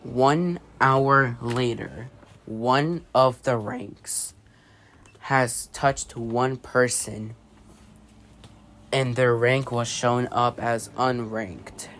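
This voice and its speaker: A mid-range, steady, fairly bright voice draws out its words as a man announces his own scripted mock emergency broadcast. He's an amateur video creator narrating a fictional alert scenario, and he sometimes trips over words. The clip has noticeable background noise.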